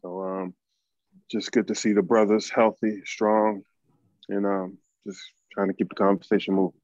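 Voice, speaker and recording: A man's voice: on the low side, little pitch movement, normal speed, a little mellow, no room sound. An American man talking casually to a group on a video call with dull audio. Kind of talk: casual introduction.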